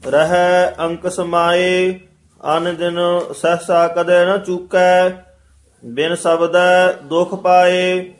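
A man's voice: sits high, little pitch movement. A man practising scripture recitation as a student. He reads each line very carefully in a chant-like way and repeats the lines after his teacher. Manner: very slow, careful, chant-like reading.

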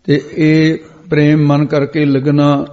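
A man's voice: fairly high pitch, monotone, slow, dark tone. Man preaching in a dull, echoing hall. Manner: glosses each word, repeats phrases, corrects pronunciation. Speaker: preacher explaining scripture. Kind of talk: line-by-line scripture exposition sermon. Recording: dull lo-fi sound with long hall reverb.

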